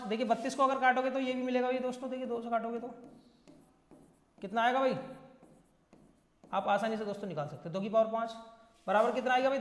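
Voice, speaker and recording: A young man teaches exam-prep math, repeating each step and constantly calling his viewers friends and brother. His voice sits very high. The recording rings out with a long, hall-like echo. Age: young adult. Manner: repetitive, keeps addressing viewers as friends and brother. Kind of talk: explaining math at a board. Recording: echoey room with long reverb.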